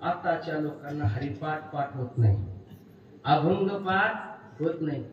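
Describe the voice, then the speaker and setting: A man with a rural Marathi accent delivers a kirtan sermon in a high, carrying voice, mixing joking anecdotes with sudden loud cries. He is heard from a distance in a big reverberant hall, with a dull, noisy sound and crowd ambience behind him. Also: unhurried. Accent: Marathi rural Maharashtra. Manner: humorous storytelling with sudden loud exclamations. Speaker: kirtan preacher. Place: large pavilion at a kirtan gathering. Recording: far-off echoey hall mic, slightly dull, noisy.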